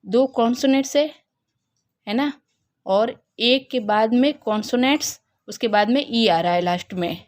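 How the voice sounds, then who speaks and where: Slow-paced woman teaching phonics. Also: a little high. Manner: slow, spells out letters and repeats questions. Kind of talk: phonics lesson for children.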